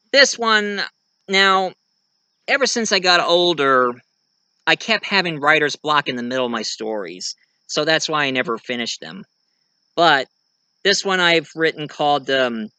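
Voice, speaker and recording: Here a man's voice sits on the high side, pushed and bright yet clean, free of any room sound. He's a video creator and amateur writer, casually and eagerly rambling about his own writing for a vlog.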